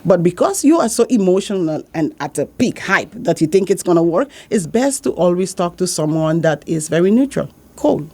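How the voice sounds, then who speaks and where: Speaking with a Dutch accent, this Saint Martin woman works as a business support consultant and gives earnest advice in an interview, going back over her main points. Her voice is fairly low and a little mellow, swinging widely in pitch at a normal speed with scarcely a pause.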